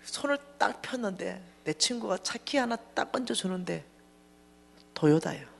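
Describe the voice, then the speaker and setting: A woman giving a lively, humorous testimony sermon in a church, acting out dialogue as she tells the story. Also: medium pitch, normal speed, vocal fry, a little hiss or hum. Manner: animated storytelling, acting out dialogue, bursts of laughter. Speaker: church finance lecturer.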